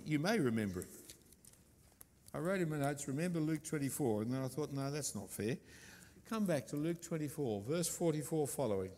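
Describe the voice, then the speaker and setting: Man, preacher, emphatic sermon delivery, somewhat high voice, echoing church hall. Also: a little mellow. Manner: emphatic, repeats key words deliberately.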